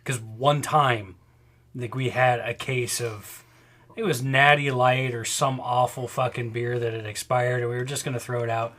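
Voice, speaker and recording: A man's voice: medium pitch, steady tone, normal speed. A man co-hosting a casual drinking podcast, telling rambling stories and acting out the people in them. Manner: rambling storyteller, acts out loud quoted voices. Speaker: podcast co-host.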